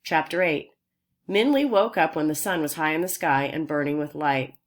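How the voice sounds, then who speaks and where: A woman reading a children's novel aloud in a steady, unhurried storytelling voice. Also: low voice. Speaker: audiobook reader.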